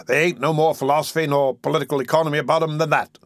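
A man's voice: fairly high pitch, steady tone, very fast, dry recording, clean studio sound, pitched above the performer's own voice, lightly acted. A man doing a pompous, blustering beadle. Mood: indignant. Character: pompous, self-important male parish beadle, middle-aged. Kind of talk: audiobook character reading.

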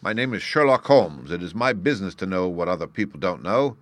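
A man's voice: low-pitched, lively intonation, fairly quick, dry recording. Man acting as suave, commanding Sherlock Holmes. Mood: self-assured. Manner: precise, genteel, knowing. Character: confident, shrewd gentleman detective, suave and commanding.

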